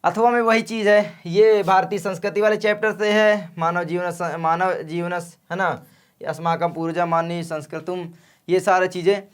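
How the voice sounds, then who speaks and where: Man, young, high voice, sore throat, friendly exam coaching, direct. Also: fairly even intonation, normal speed, smooth. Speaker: exam-prep teacher. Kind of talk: casual exam coaching lesson.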